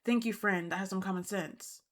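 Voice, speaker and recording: A woman's voice: mid-range voice, steady tone, normal speed. A woman hosting a reality TV recap, talking in an indignant, emphatic way and repeating points for emphasis. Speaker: host.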